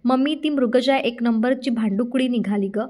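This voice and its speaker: A woman's voice: a little high, normal speed, darkish tone, lightly acted. A woman voicing a spoiled, cruel young woman who scolds with scorn and mixes in English words in a Marathi audiobook. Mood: whiny complaint.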